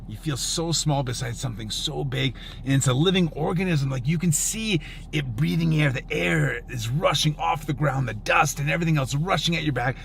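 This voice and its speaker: Earnest gravelly man, awed and reflective. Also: a little high, a little hiss or hum. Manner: earnest, awed, emphatic with repetition. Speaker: storm chaser. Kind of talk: reflective personal storytelling.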